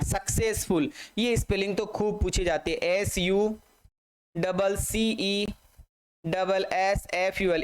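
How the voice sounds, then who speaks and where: A man's voice: high-pitched, smooth, poor audio. A man teaching a vocabulary class, spelling words out letter by letter and calling his students "beta".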